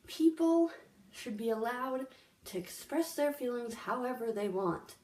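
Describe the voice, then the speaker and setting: Speaking at a measured pace, a young woman with a fairly high, slightly mellow voice and lively intonation delivers a chatty vlog monologue. She's earnest and relies heavily on fillers, recorded in a room with noticeable echo.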